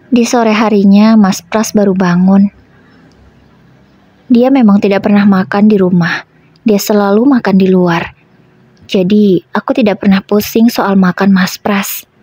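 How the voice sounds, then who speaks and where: A woman narrating a first-person story in a calm, gentle way. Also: medium pitch, slightly rough, no room sound.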